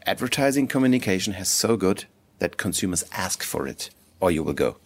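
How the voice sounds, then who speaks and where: A man's voice: deep voice, very animated, fairly quick. A man acting as interviewer, putting questions and follow-up remarks in a conversational way.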